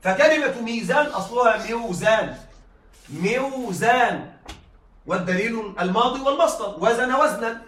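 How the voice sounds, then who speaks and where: Heard from a distance in an echoey classroom with a little hiss or hum, a male Arabic rhetoric teacher lectures step by step and often checks that students keep up. His very high voice has lively intonation and is a bit bright, moving at a quick pace with few pauses.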